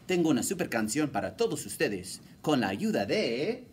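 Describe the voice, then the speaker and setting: A man's voice: medium pitch, big pitch swings, normal speed, darkish tone, slight background noise. A man teaching young children to read syllables in a playful, theatrical way. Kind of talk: children's reading lesson.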